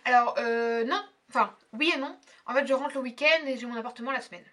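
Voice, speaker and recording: A woman's voice: on the high side, fairly quick, sharp tone, far from the mic. A young woman chatting casually in a beauty tag video, hesitant and full of fillers. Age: young adult. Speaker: beauty vlogger.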